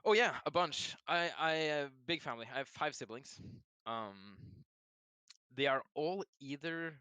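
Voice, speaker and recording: A friendly Norwegian man speaking English with a Norwegian accent, answering interview questions in a relaxed way. His voice is bright and smooth. The recording is dry and close. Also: fairly high pitch, measured pace, no echo. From Norway. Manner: friendly, relaxed, self-correcting. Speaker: game designer guest. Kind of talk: casual interview.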